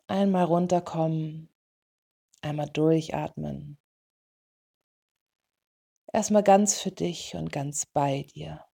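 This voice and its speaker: A woman leading a guided meditation in a soothing, gentle way, in short unhurried phrases. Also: sits low, vocal fry, slightly rough. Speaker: meditation guide for dog owners.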